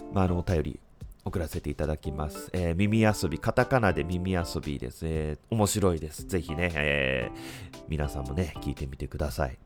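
A man in his thirties talks in a low, stuffed-up nasal voice, like someone with a blocked nose. He chats casually and haltingly as a solo podcast host. Faint guitar music plays behind him. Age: 30s. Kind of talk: casual solo chat with frequent pauses.

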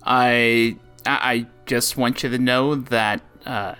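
A woman's voice: extremely low pitch, steady tone, takes it slowly, fairly bright tone, smooth, soft background music. A woman co-hosting a podcast, hesitant and teasing in casual chat. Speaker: podcast co-host.

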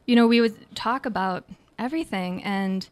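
A woman's voice: medium pitch, moderate pace, clear, resonant tone, dry recording. A young woman with a Minnesota accent, a guest artist talking casually in an interview, chatty and laughing often, with lots of fillers.

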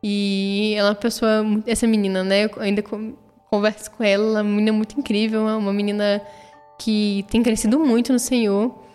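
A woman's voice: mid-range voice, flat delivery, brisk, clean tone. A woman telling a personal faith testimony in an earnest, emotional way. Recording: long reverb, soft music behind.

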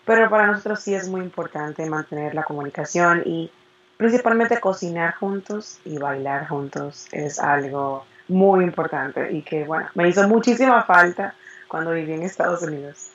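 A woman's voice: lowish voice, normal speed, a bit bright, highs cut off. A woman in her twenties from the Dominican Republic, speaking Dominican Spanish and answering interview questions in a cheerful, chatty way that breaks into laughs. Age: 20s. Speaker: interview guest.

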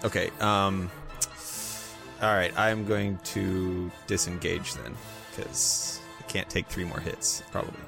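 A man's voice: low-pitched, fairly even intonation, takes it slowly, creaky, over music. A man playing in a tabletop game, talking in a hesitant, laid-back way. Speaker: player.

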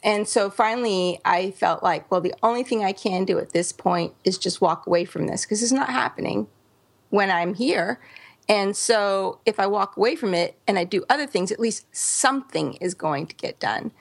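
Gravelly-voiced woman podcast host. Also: mid-range voice, normal speed. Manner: candid, rambling with restarts and fillers. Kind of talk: casual podcast chat.

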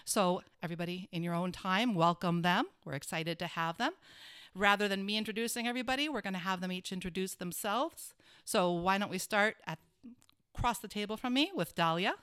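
A woman's voice: medium pitch, fairly quick, fairly bright tone, smooth, no room sound, studio quality. A woman hosting a podcast, friendly and upbeat as she introduces her guests. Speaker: podcast host. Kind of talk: casual conversation.

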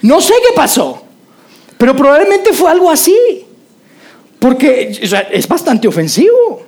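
Mujer predicadora mexicana de voz cálida. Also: female voice, high-pitched, big pitch swings, a little slow, darkish tone. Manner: conversational, acts out voices of biblical figures. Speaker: preacher. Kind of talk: sermon.

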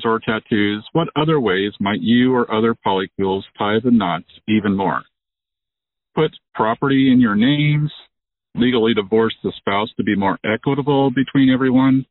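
A man from Ohio leaving a recorded voicemail question over a phone line, steadily reading out a list of questions. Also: medium pitch. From Ohio, USA. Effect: heard over a phone line on voicemail. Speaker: voicemail caller. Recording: tinny phone line with faint hiss.

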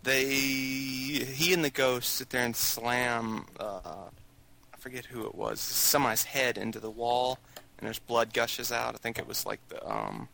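A man's voice: mid-range voice, steady tone, unhurried, vocal fry, bright, forceful tone, slight background noise, poor audio. A man co-hosting a casual movie podcast, recapping scenes in a loose, rambling way full of fillers. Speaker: podcast co-host.

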